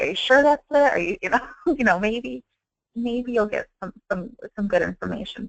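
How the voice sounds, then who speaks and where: A woman's voice: medium pitch, vocal fry, no echo, dull audio. A woman who counsels on Medicare, giving a conversational training presentation and acting out her calls with clients. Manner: conversational, acts out client calls with quoted dialogue.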